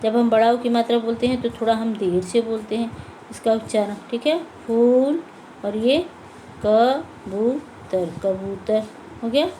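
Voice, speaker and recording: A woman's voice: fairly high pitch, moderate pace, mellow, slight background noise, low-quality recording. A woman teaching a Hindi lesson to young children, patiently repeating words and asking and answering her own questions. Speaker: primary school Hindi teacher.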